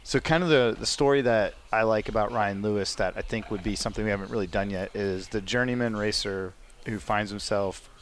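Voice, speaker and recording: Brief: male podcast host, low-pitched, playful, faint background noise. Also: a little fast, few pauses. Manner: playful, laughs easily. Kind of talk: casual podcast chat.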